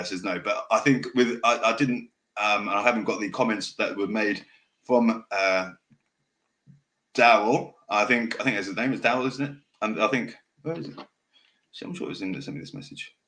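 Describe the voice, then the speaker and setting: A man's voice: on the low side, a bit bright. Rambling man who says w for r. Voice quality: can't pronounce R's properly, saying w for r. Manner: fast, direct, passionate delivery that can sound angry; rambling, loses his thread and restarts. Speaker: podcast host. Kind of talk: off-the-cuff casual monologue.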